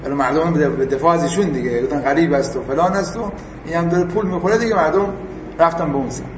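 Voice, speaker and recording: A man giving a casual religious lesson. He reads Arabic text slowly, then explains it in everyday speech and acts out the people he quotes. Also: on the high side, a little hiss or hum. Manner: acts out the quoted speakers in lively asides. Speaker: religious teacher. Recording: roomy, distant and dull.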